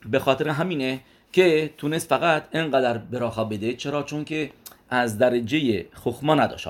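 A man teaching a religious lesson at a steady middle pitch. He keeps putting questions to his listeners and answering them himself, with Hebrew religious terms dropped into his sentences. He often goes back over a phrase and starts it again as he works through each point. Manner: repeats and restarts phrases while explaining.

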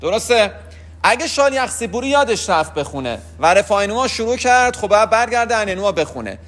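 A man giving a spoken religious lesson, explaining the rules of prayer and pausing often to ask and answer his own questions. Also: sits high, sing-song, a bit bright. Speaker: religious teacher.

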